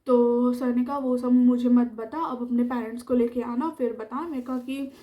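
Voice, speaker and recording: A young woman with a high, mellow voice recounts a school mishap in a casual vlog storytime. She talks in a chatty, animated way and slips into the voices of the people she quotes. She sounds relaxed and never harsh. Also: moderate pace. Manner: chatty, animated retelling that acts out the quoted lines. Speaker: storytime vlogger.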